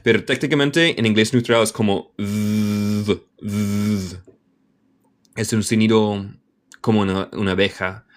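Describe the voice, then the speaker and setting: Slow, low-voiced American man teaching. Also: fairly even intonation. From Michigan, United States. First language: English. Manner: patient, explains words aloud, thinks out loud. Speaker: language teacher. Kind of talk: slow bilingual reading lesson.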